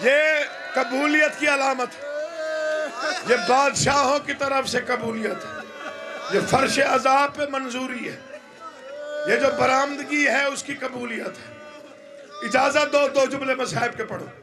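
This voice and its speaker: A man's voice: very high voice, steady tone, unhurried, pauses often, heavy background noise. A man reciting a mourning majlis at an imambargah gathering, impassioned and crying out in rising wails.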